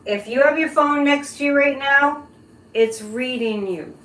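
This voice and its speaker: Female live-stream host, fairly high pitch, informal direct-to-viewer chat, very roomy sound. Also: a little slow, a bit bright. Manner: conversational, addresses listeners directly. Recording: roomy echo, background noise.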